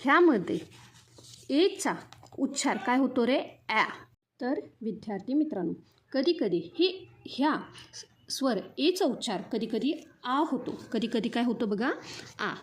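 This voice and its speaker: A woman's voice: on the high side, animated. A young woman teacher with a Marathi accent, explaining sounds to pupils and often repeating her questions. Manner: repeats questions to students, spells out sounds slowly. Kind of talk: classroom lesson explaining English vowel sounds.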